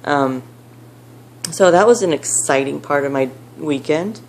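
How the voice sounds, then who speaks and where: A young woman telling a story to camera at home, rambling with lots of fillers and animated retellings. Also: low-pitched, unhurried. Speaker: vlogger. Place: at home, child nearby. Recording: noisy home recording with clicks.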